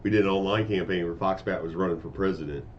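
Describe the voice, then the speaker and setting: A man co-hosting a casual chat, easygoing and quick to laugh. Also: low-pitched, steady tone, a little hiss or hum. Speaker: co-host. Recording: dull lo-fi sound, faint ambience.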